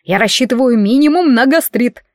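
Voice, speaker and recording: A woman's voice: fairly high pitch, lively intonation, moderate pace, dry recording, clean studio sound, voice pushed up, close to an everyday voice. A woman voicing a sarcastic male talking wardrobe, a familiar who teases and grumbles dramatically. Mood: teasing.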